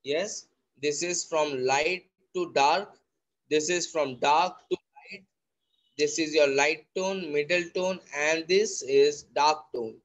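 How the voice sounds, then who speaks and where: A man's voice: on the high side, drawn-out words. A man with an Indian accent teaching an online drawing class, explaining step by step and repeating himself, switching between English and Hindi. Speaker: art teacher.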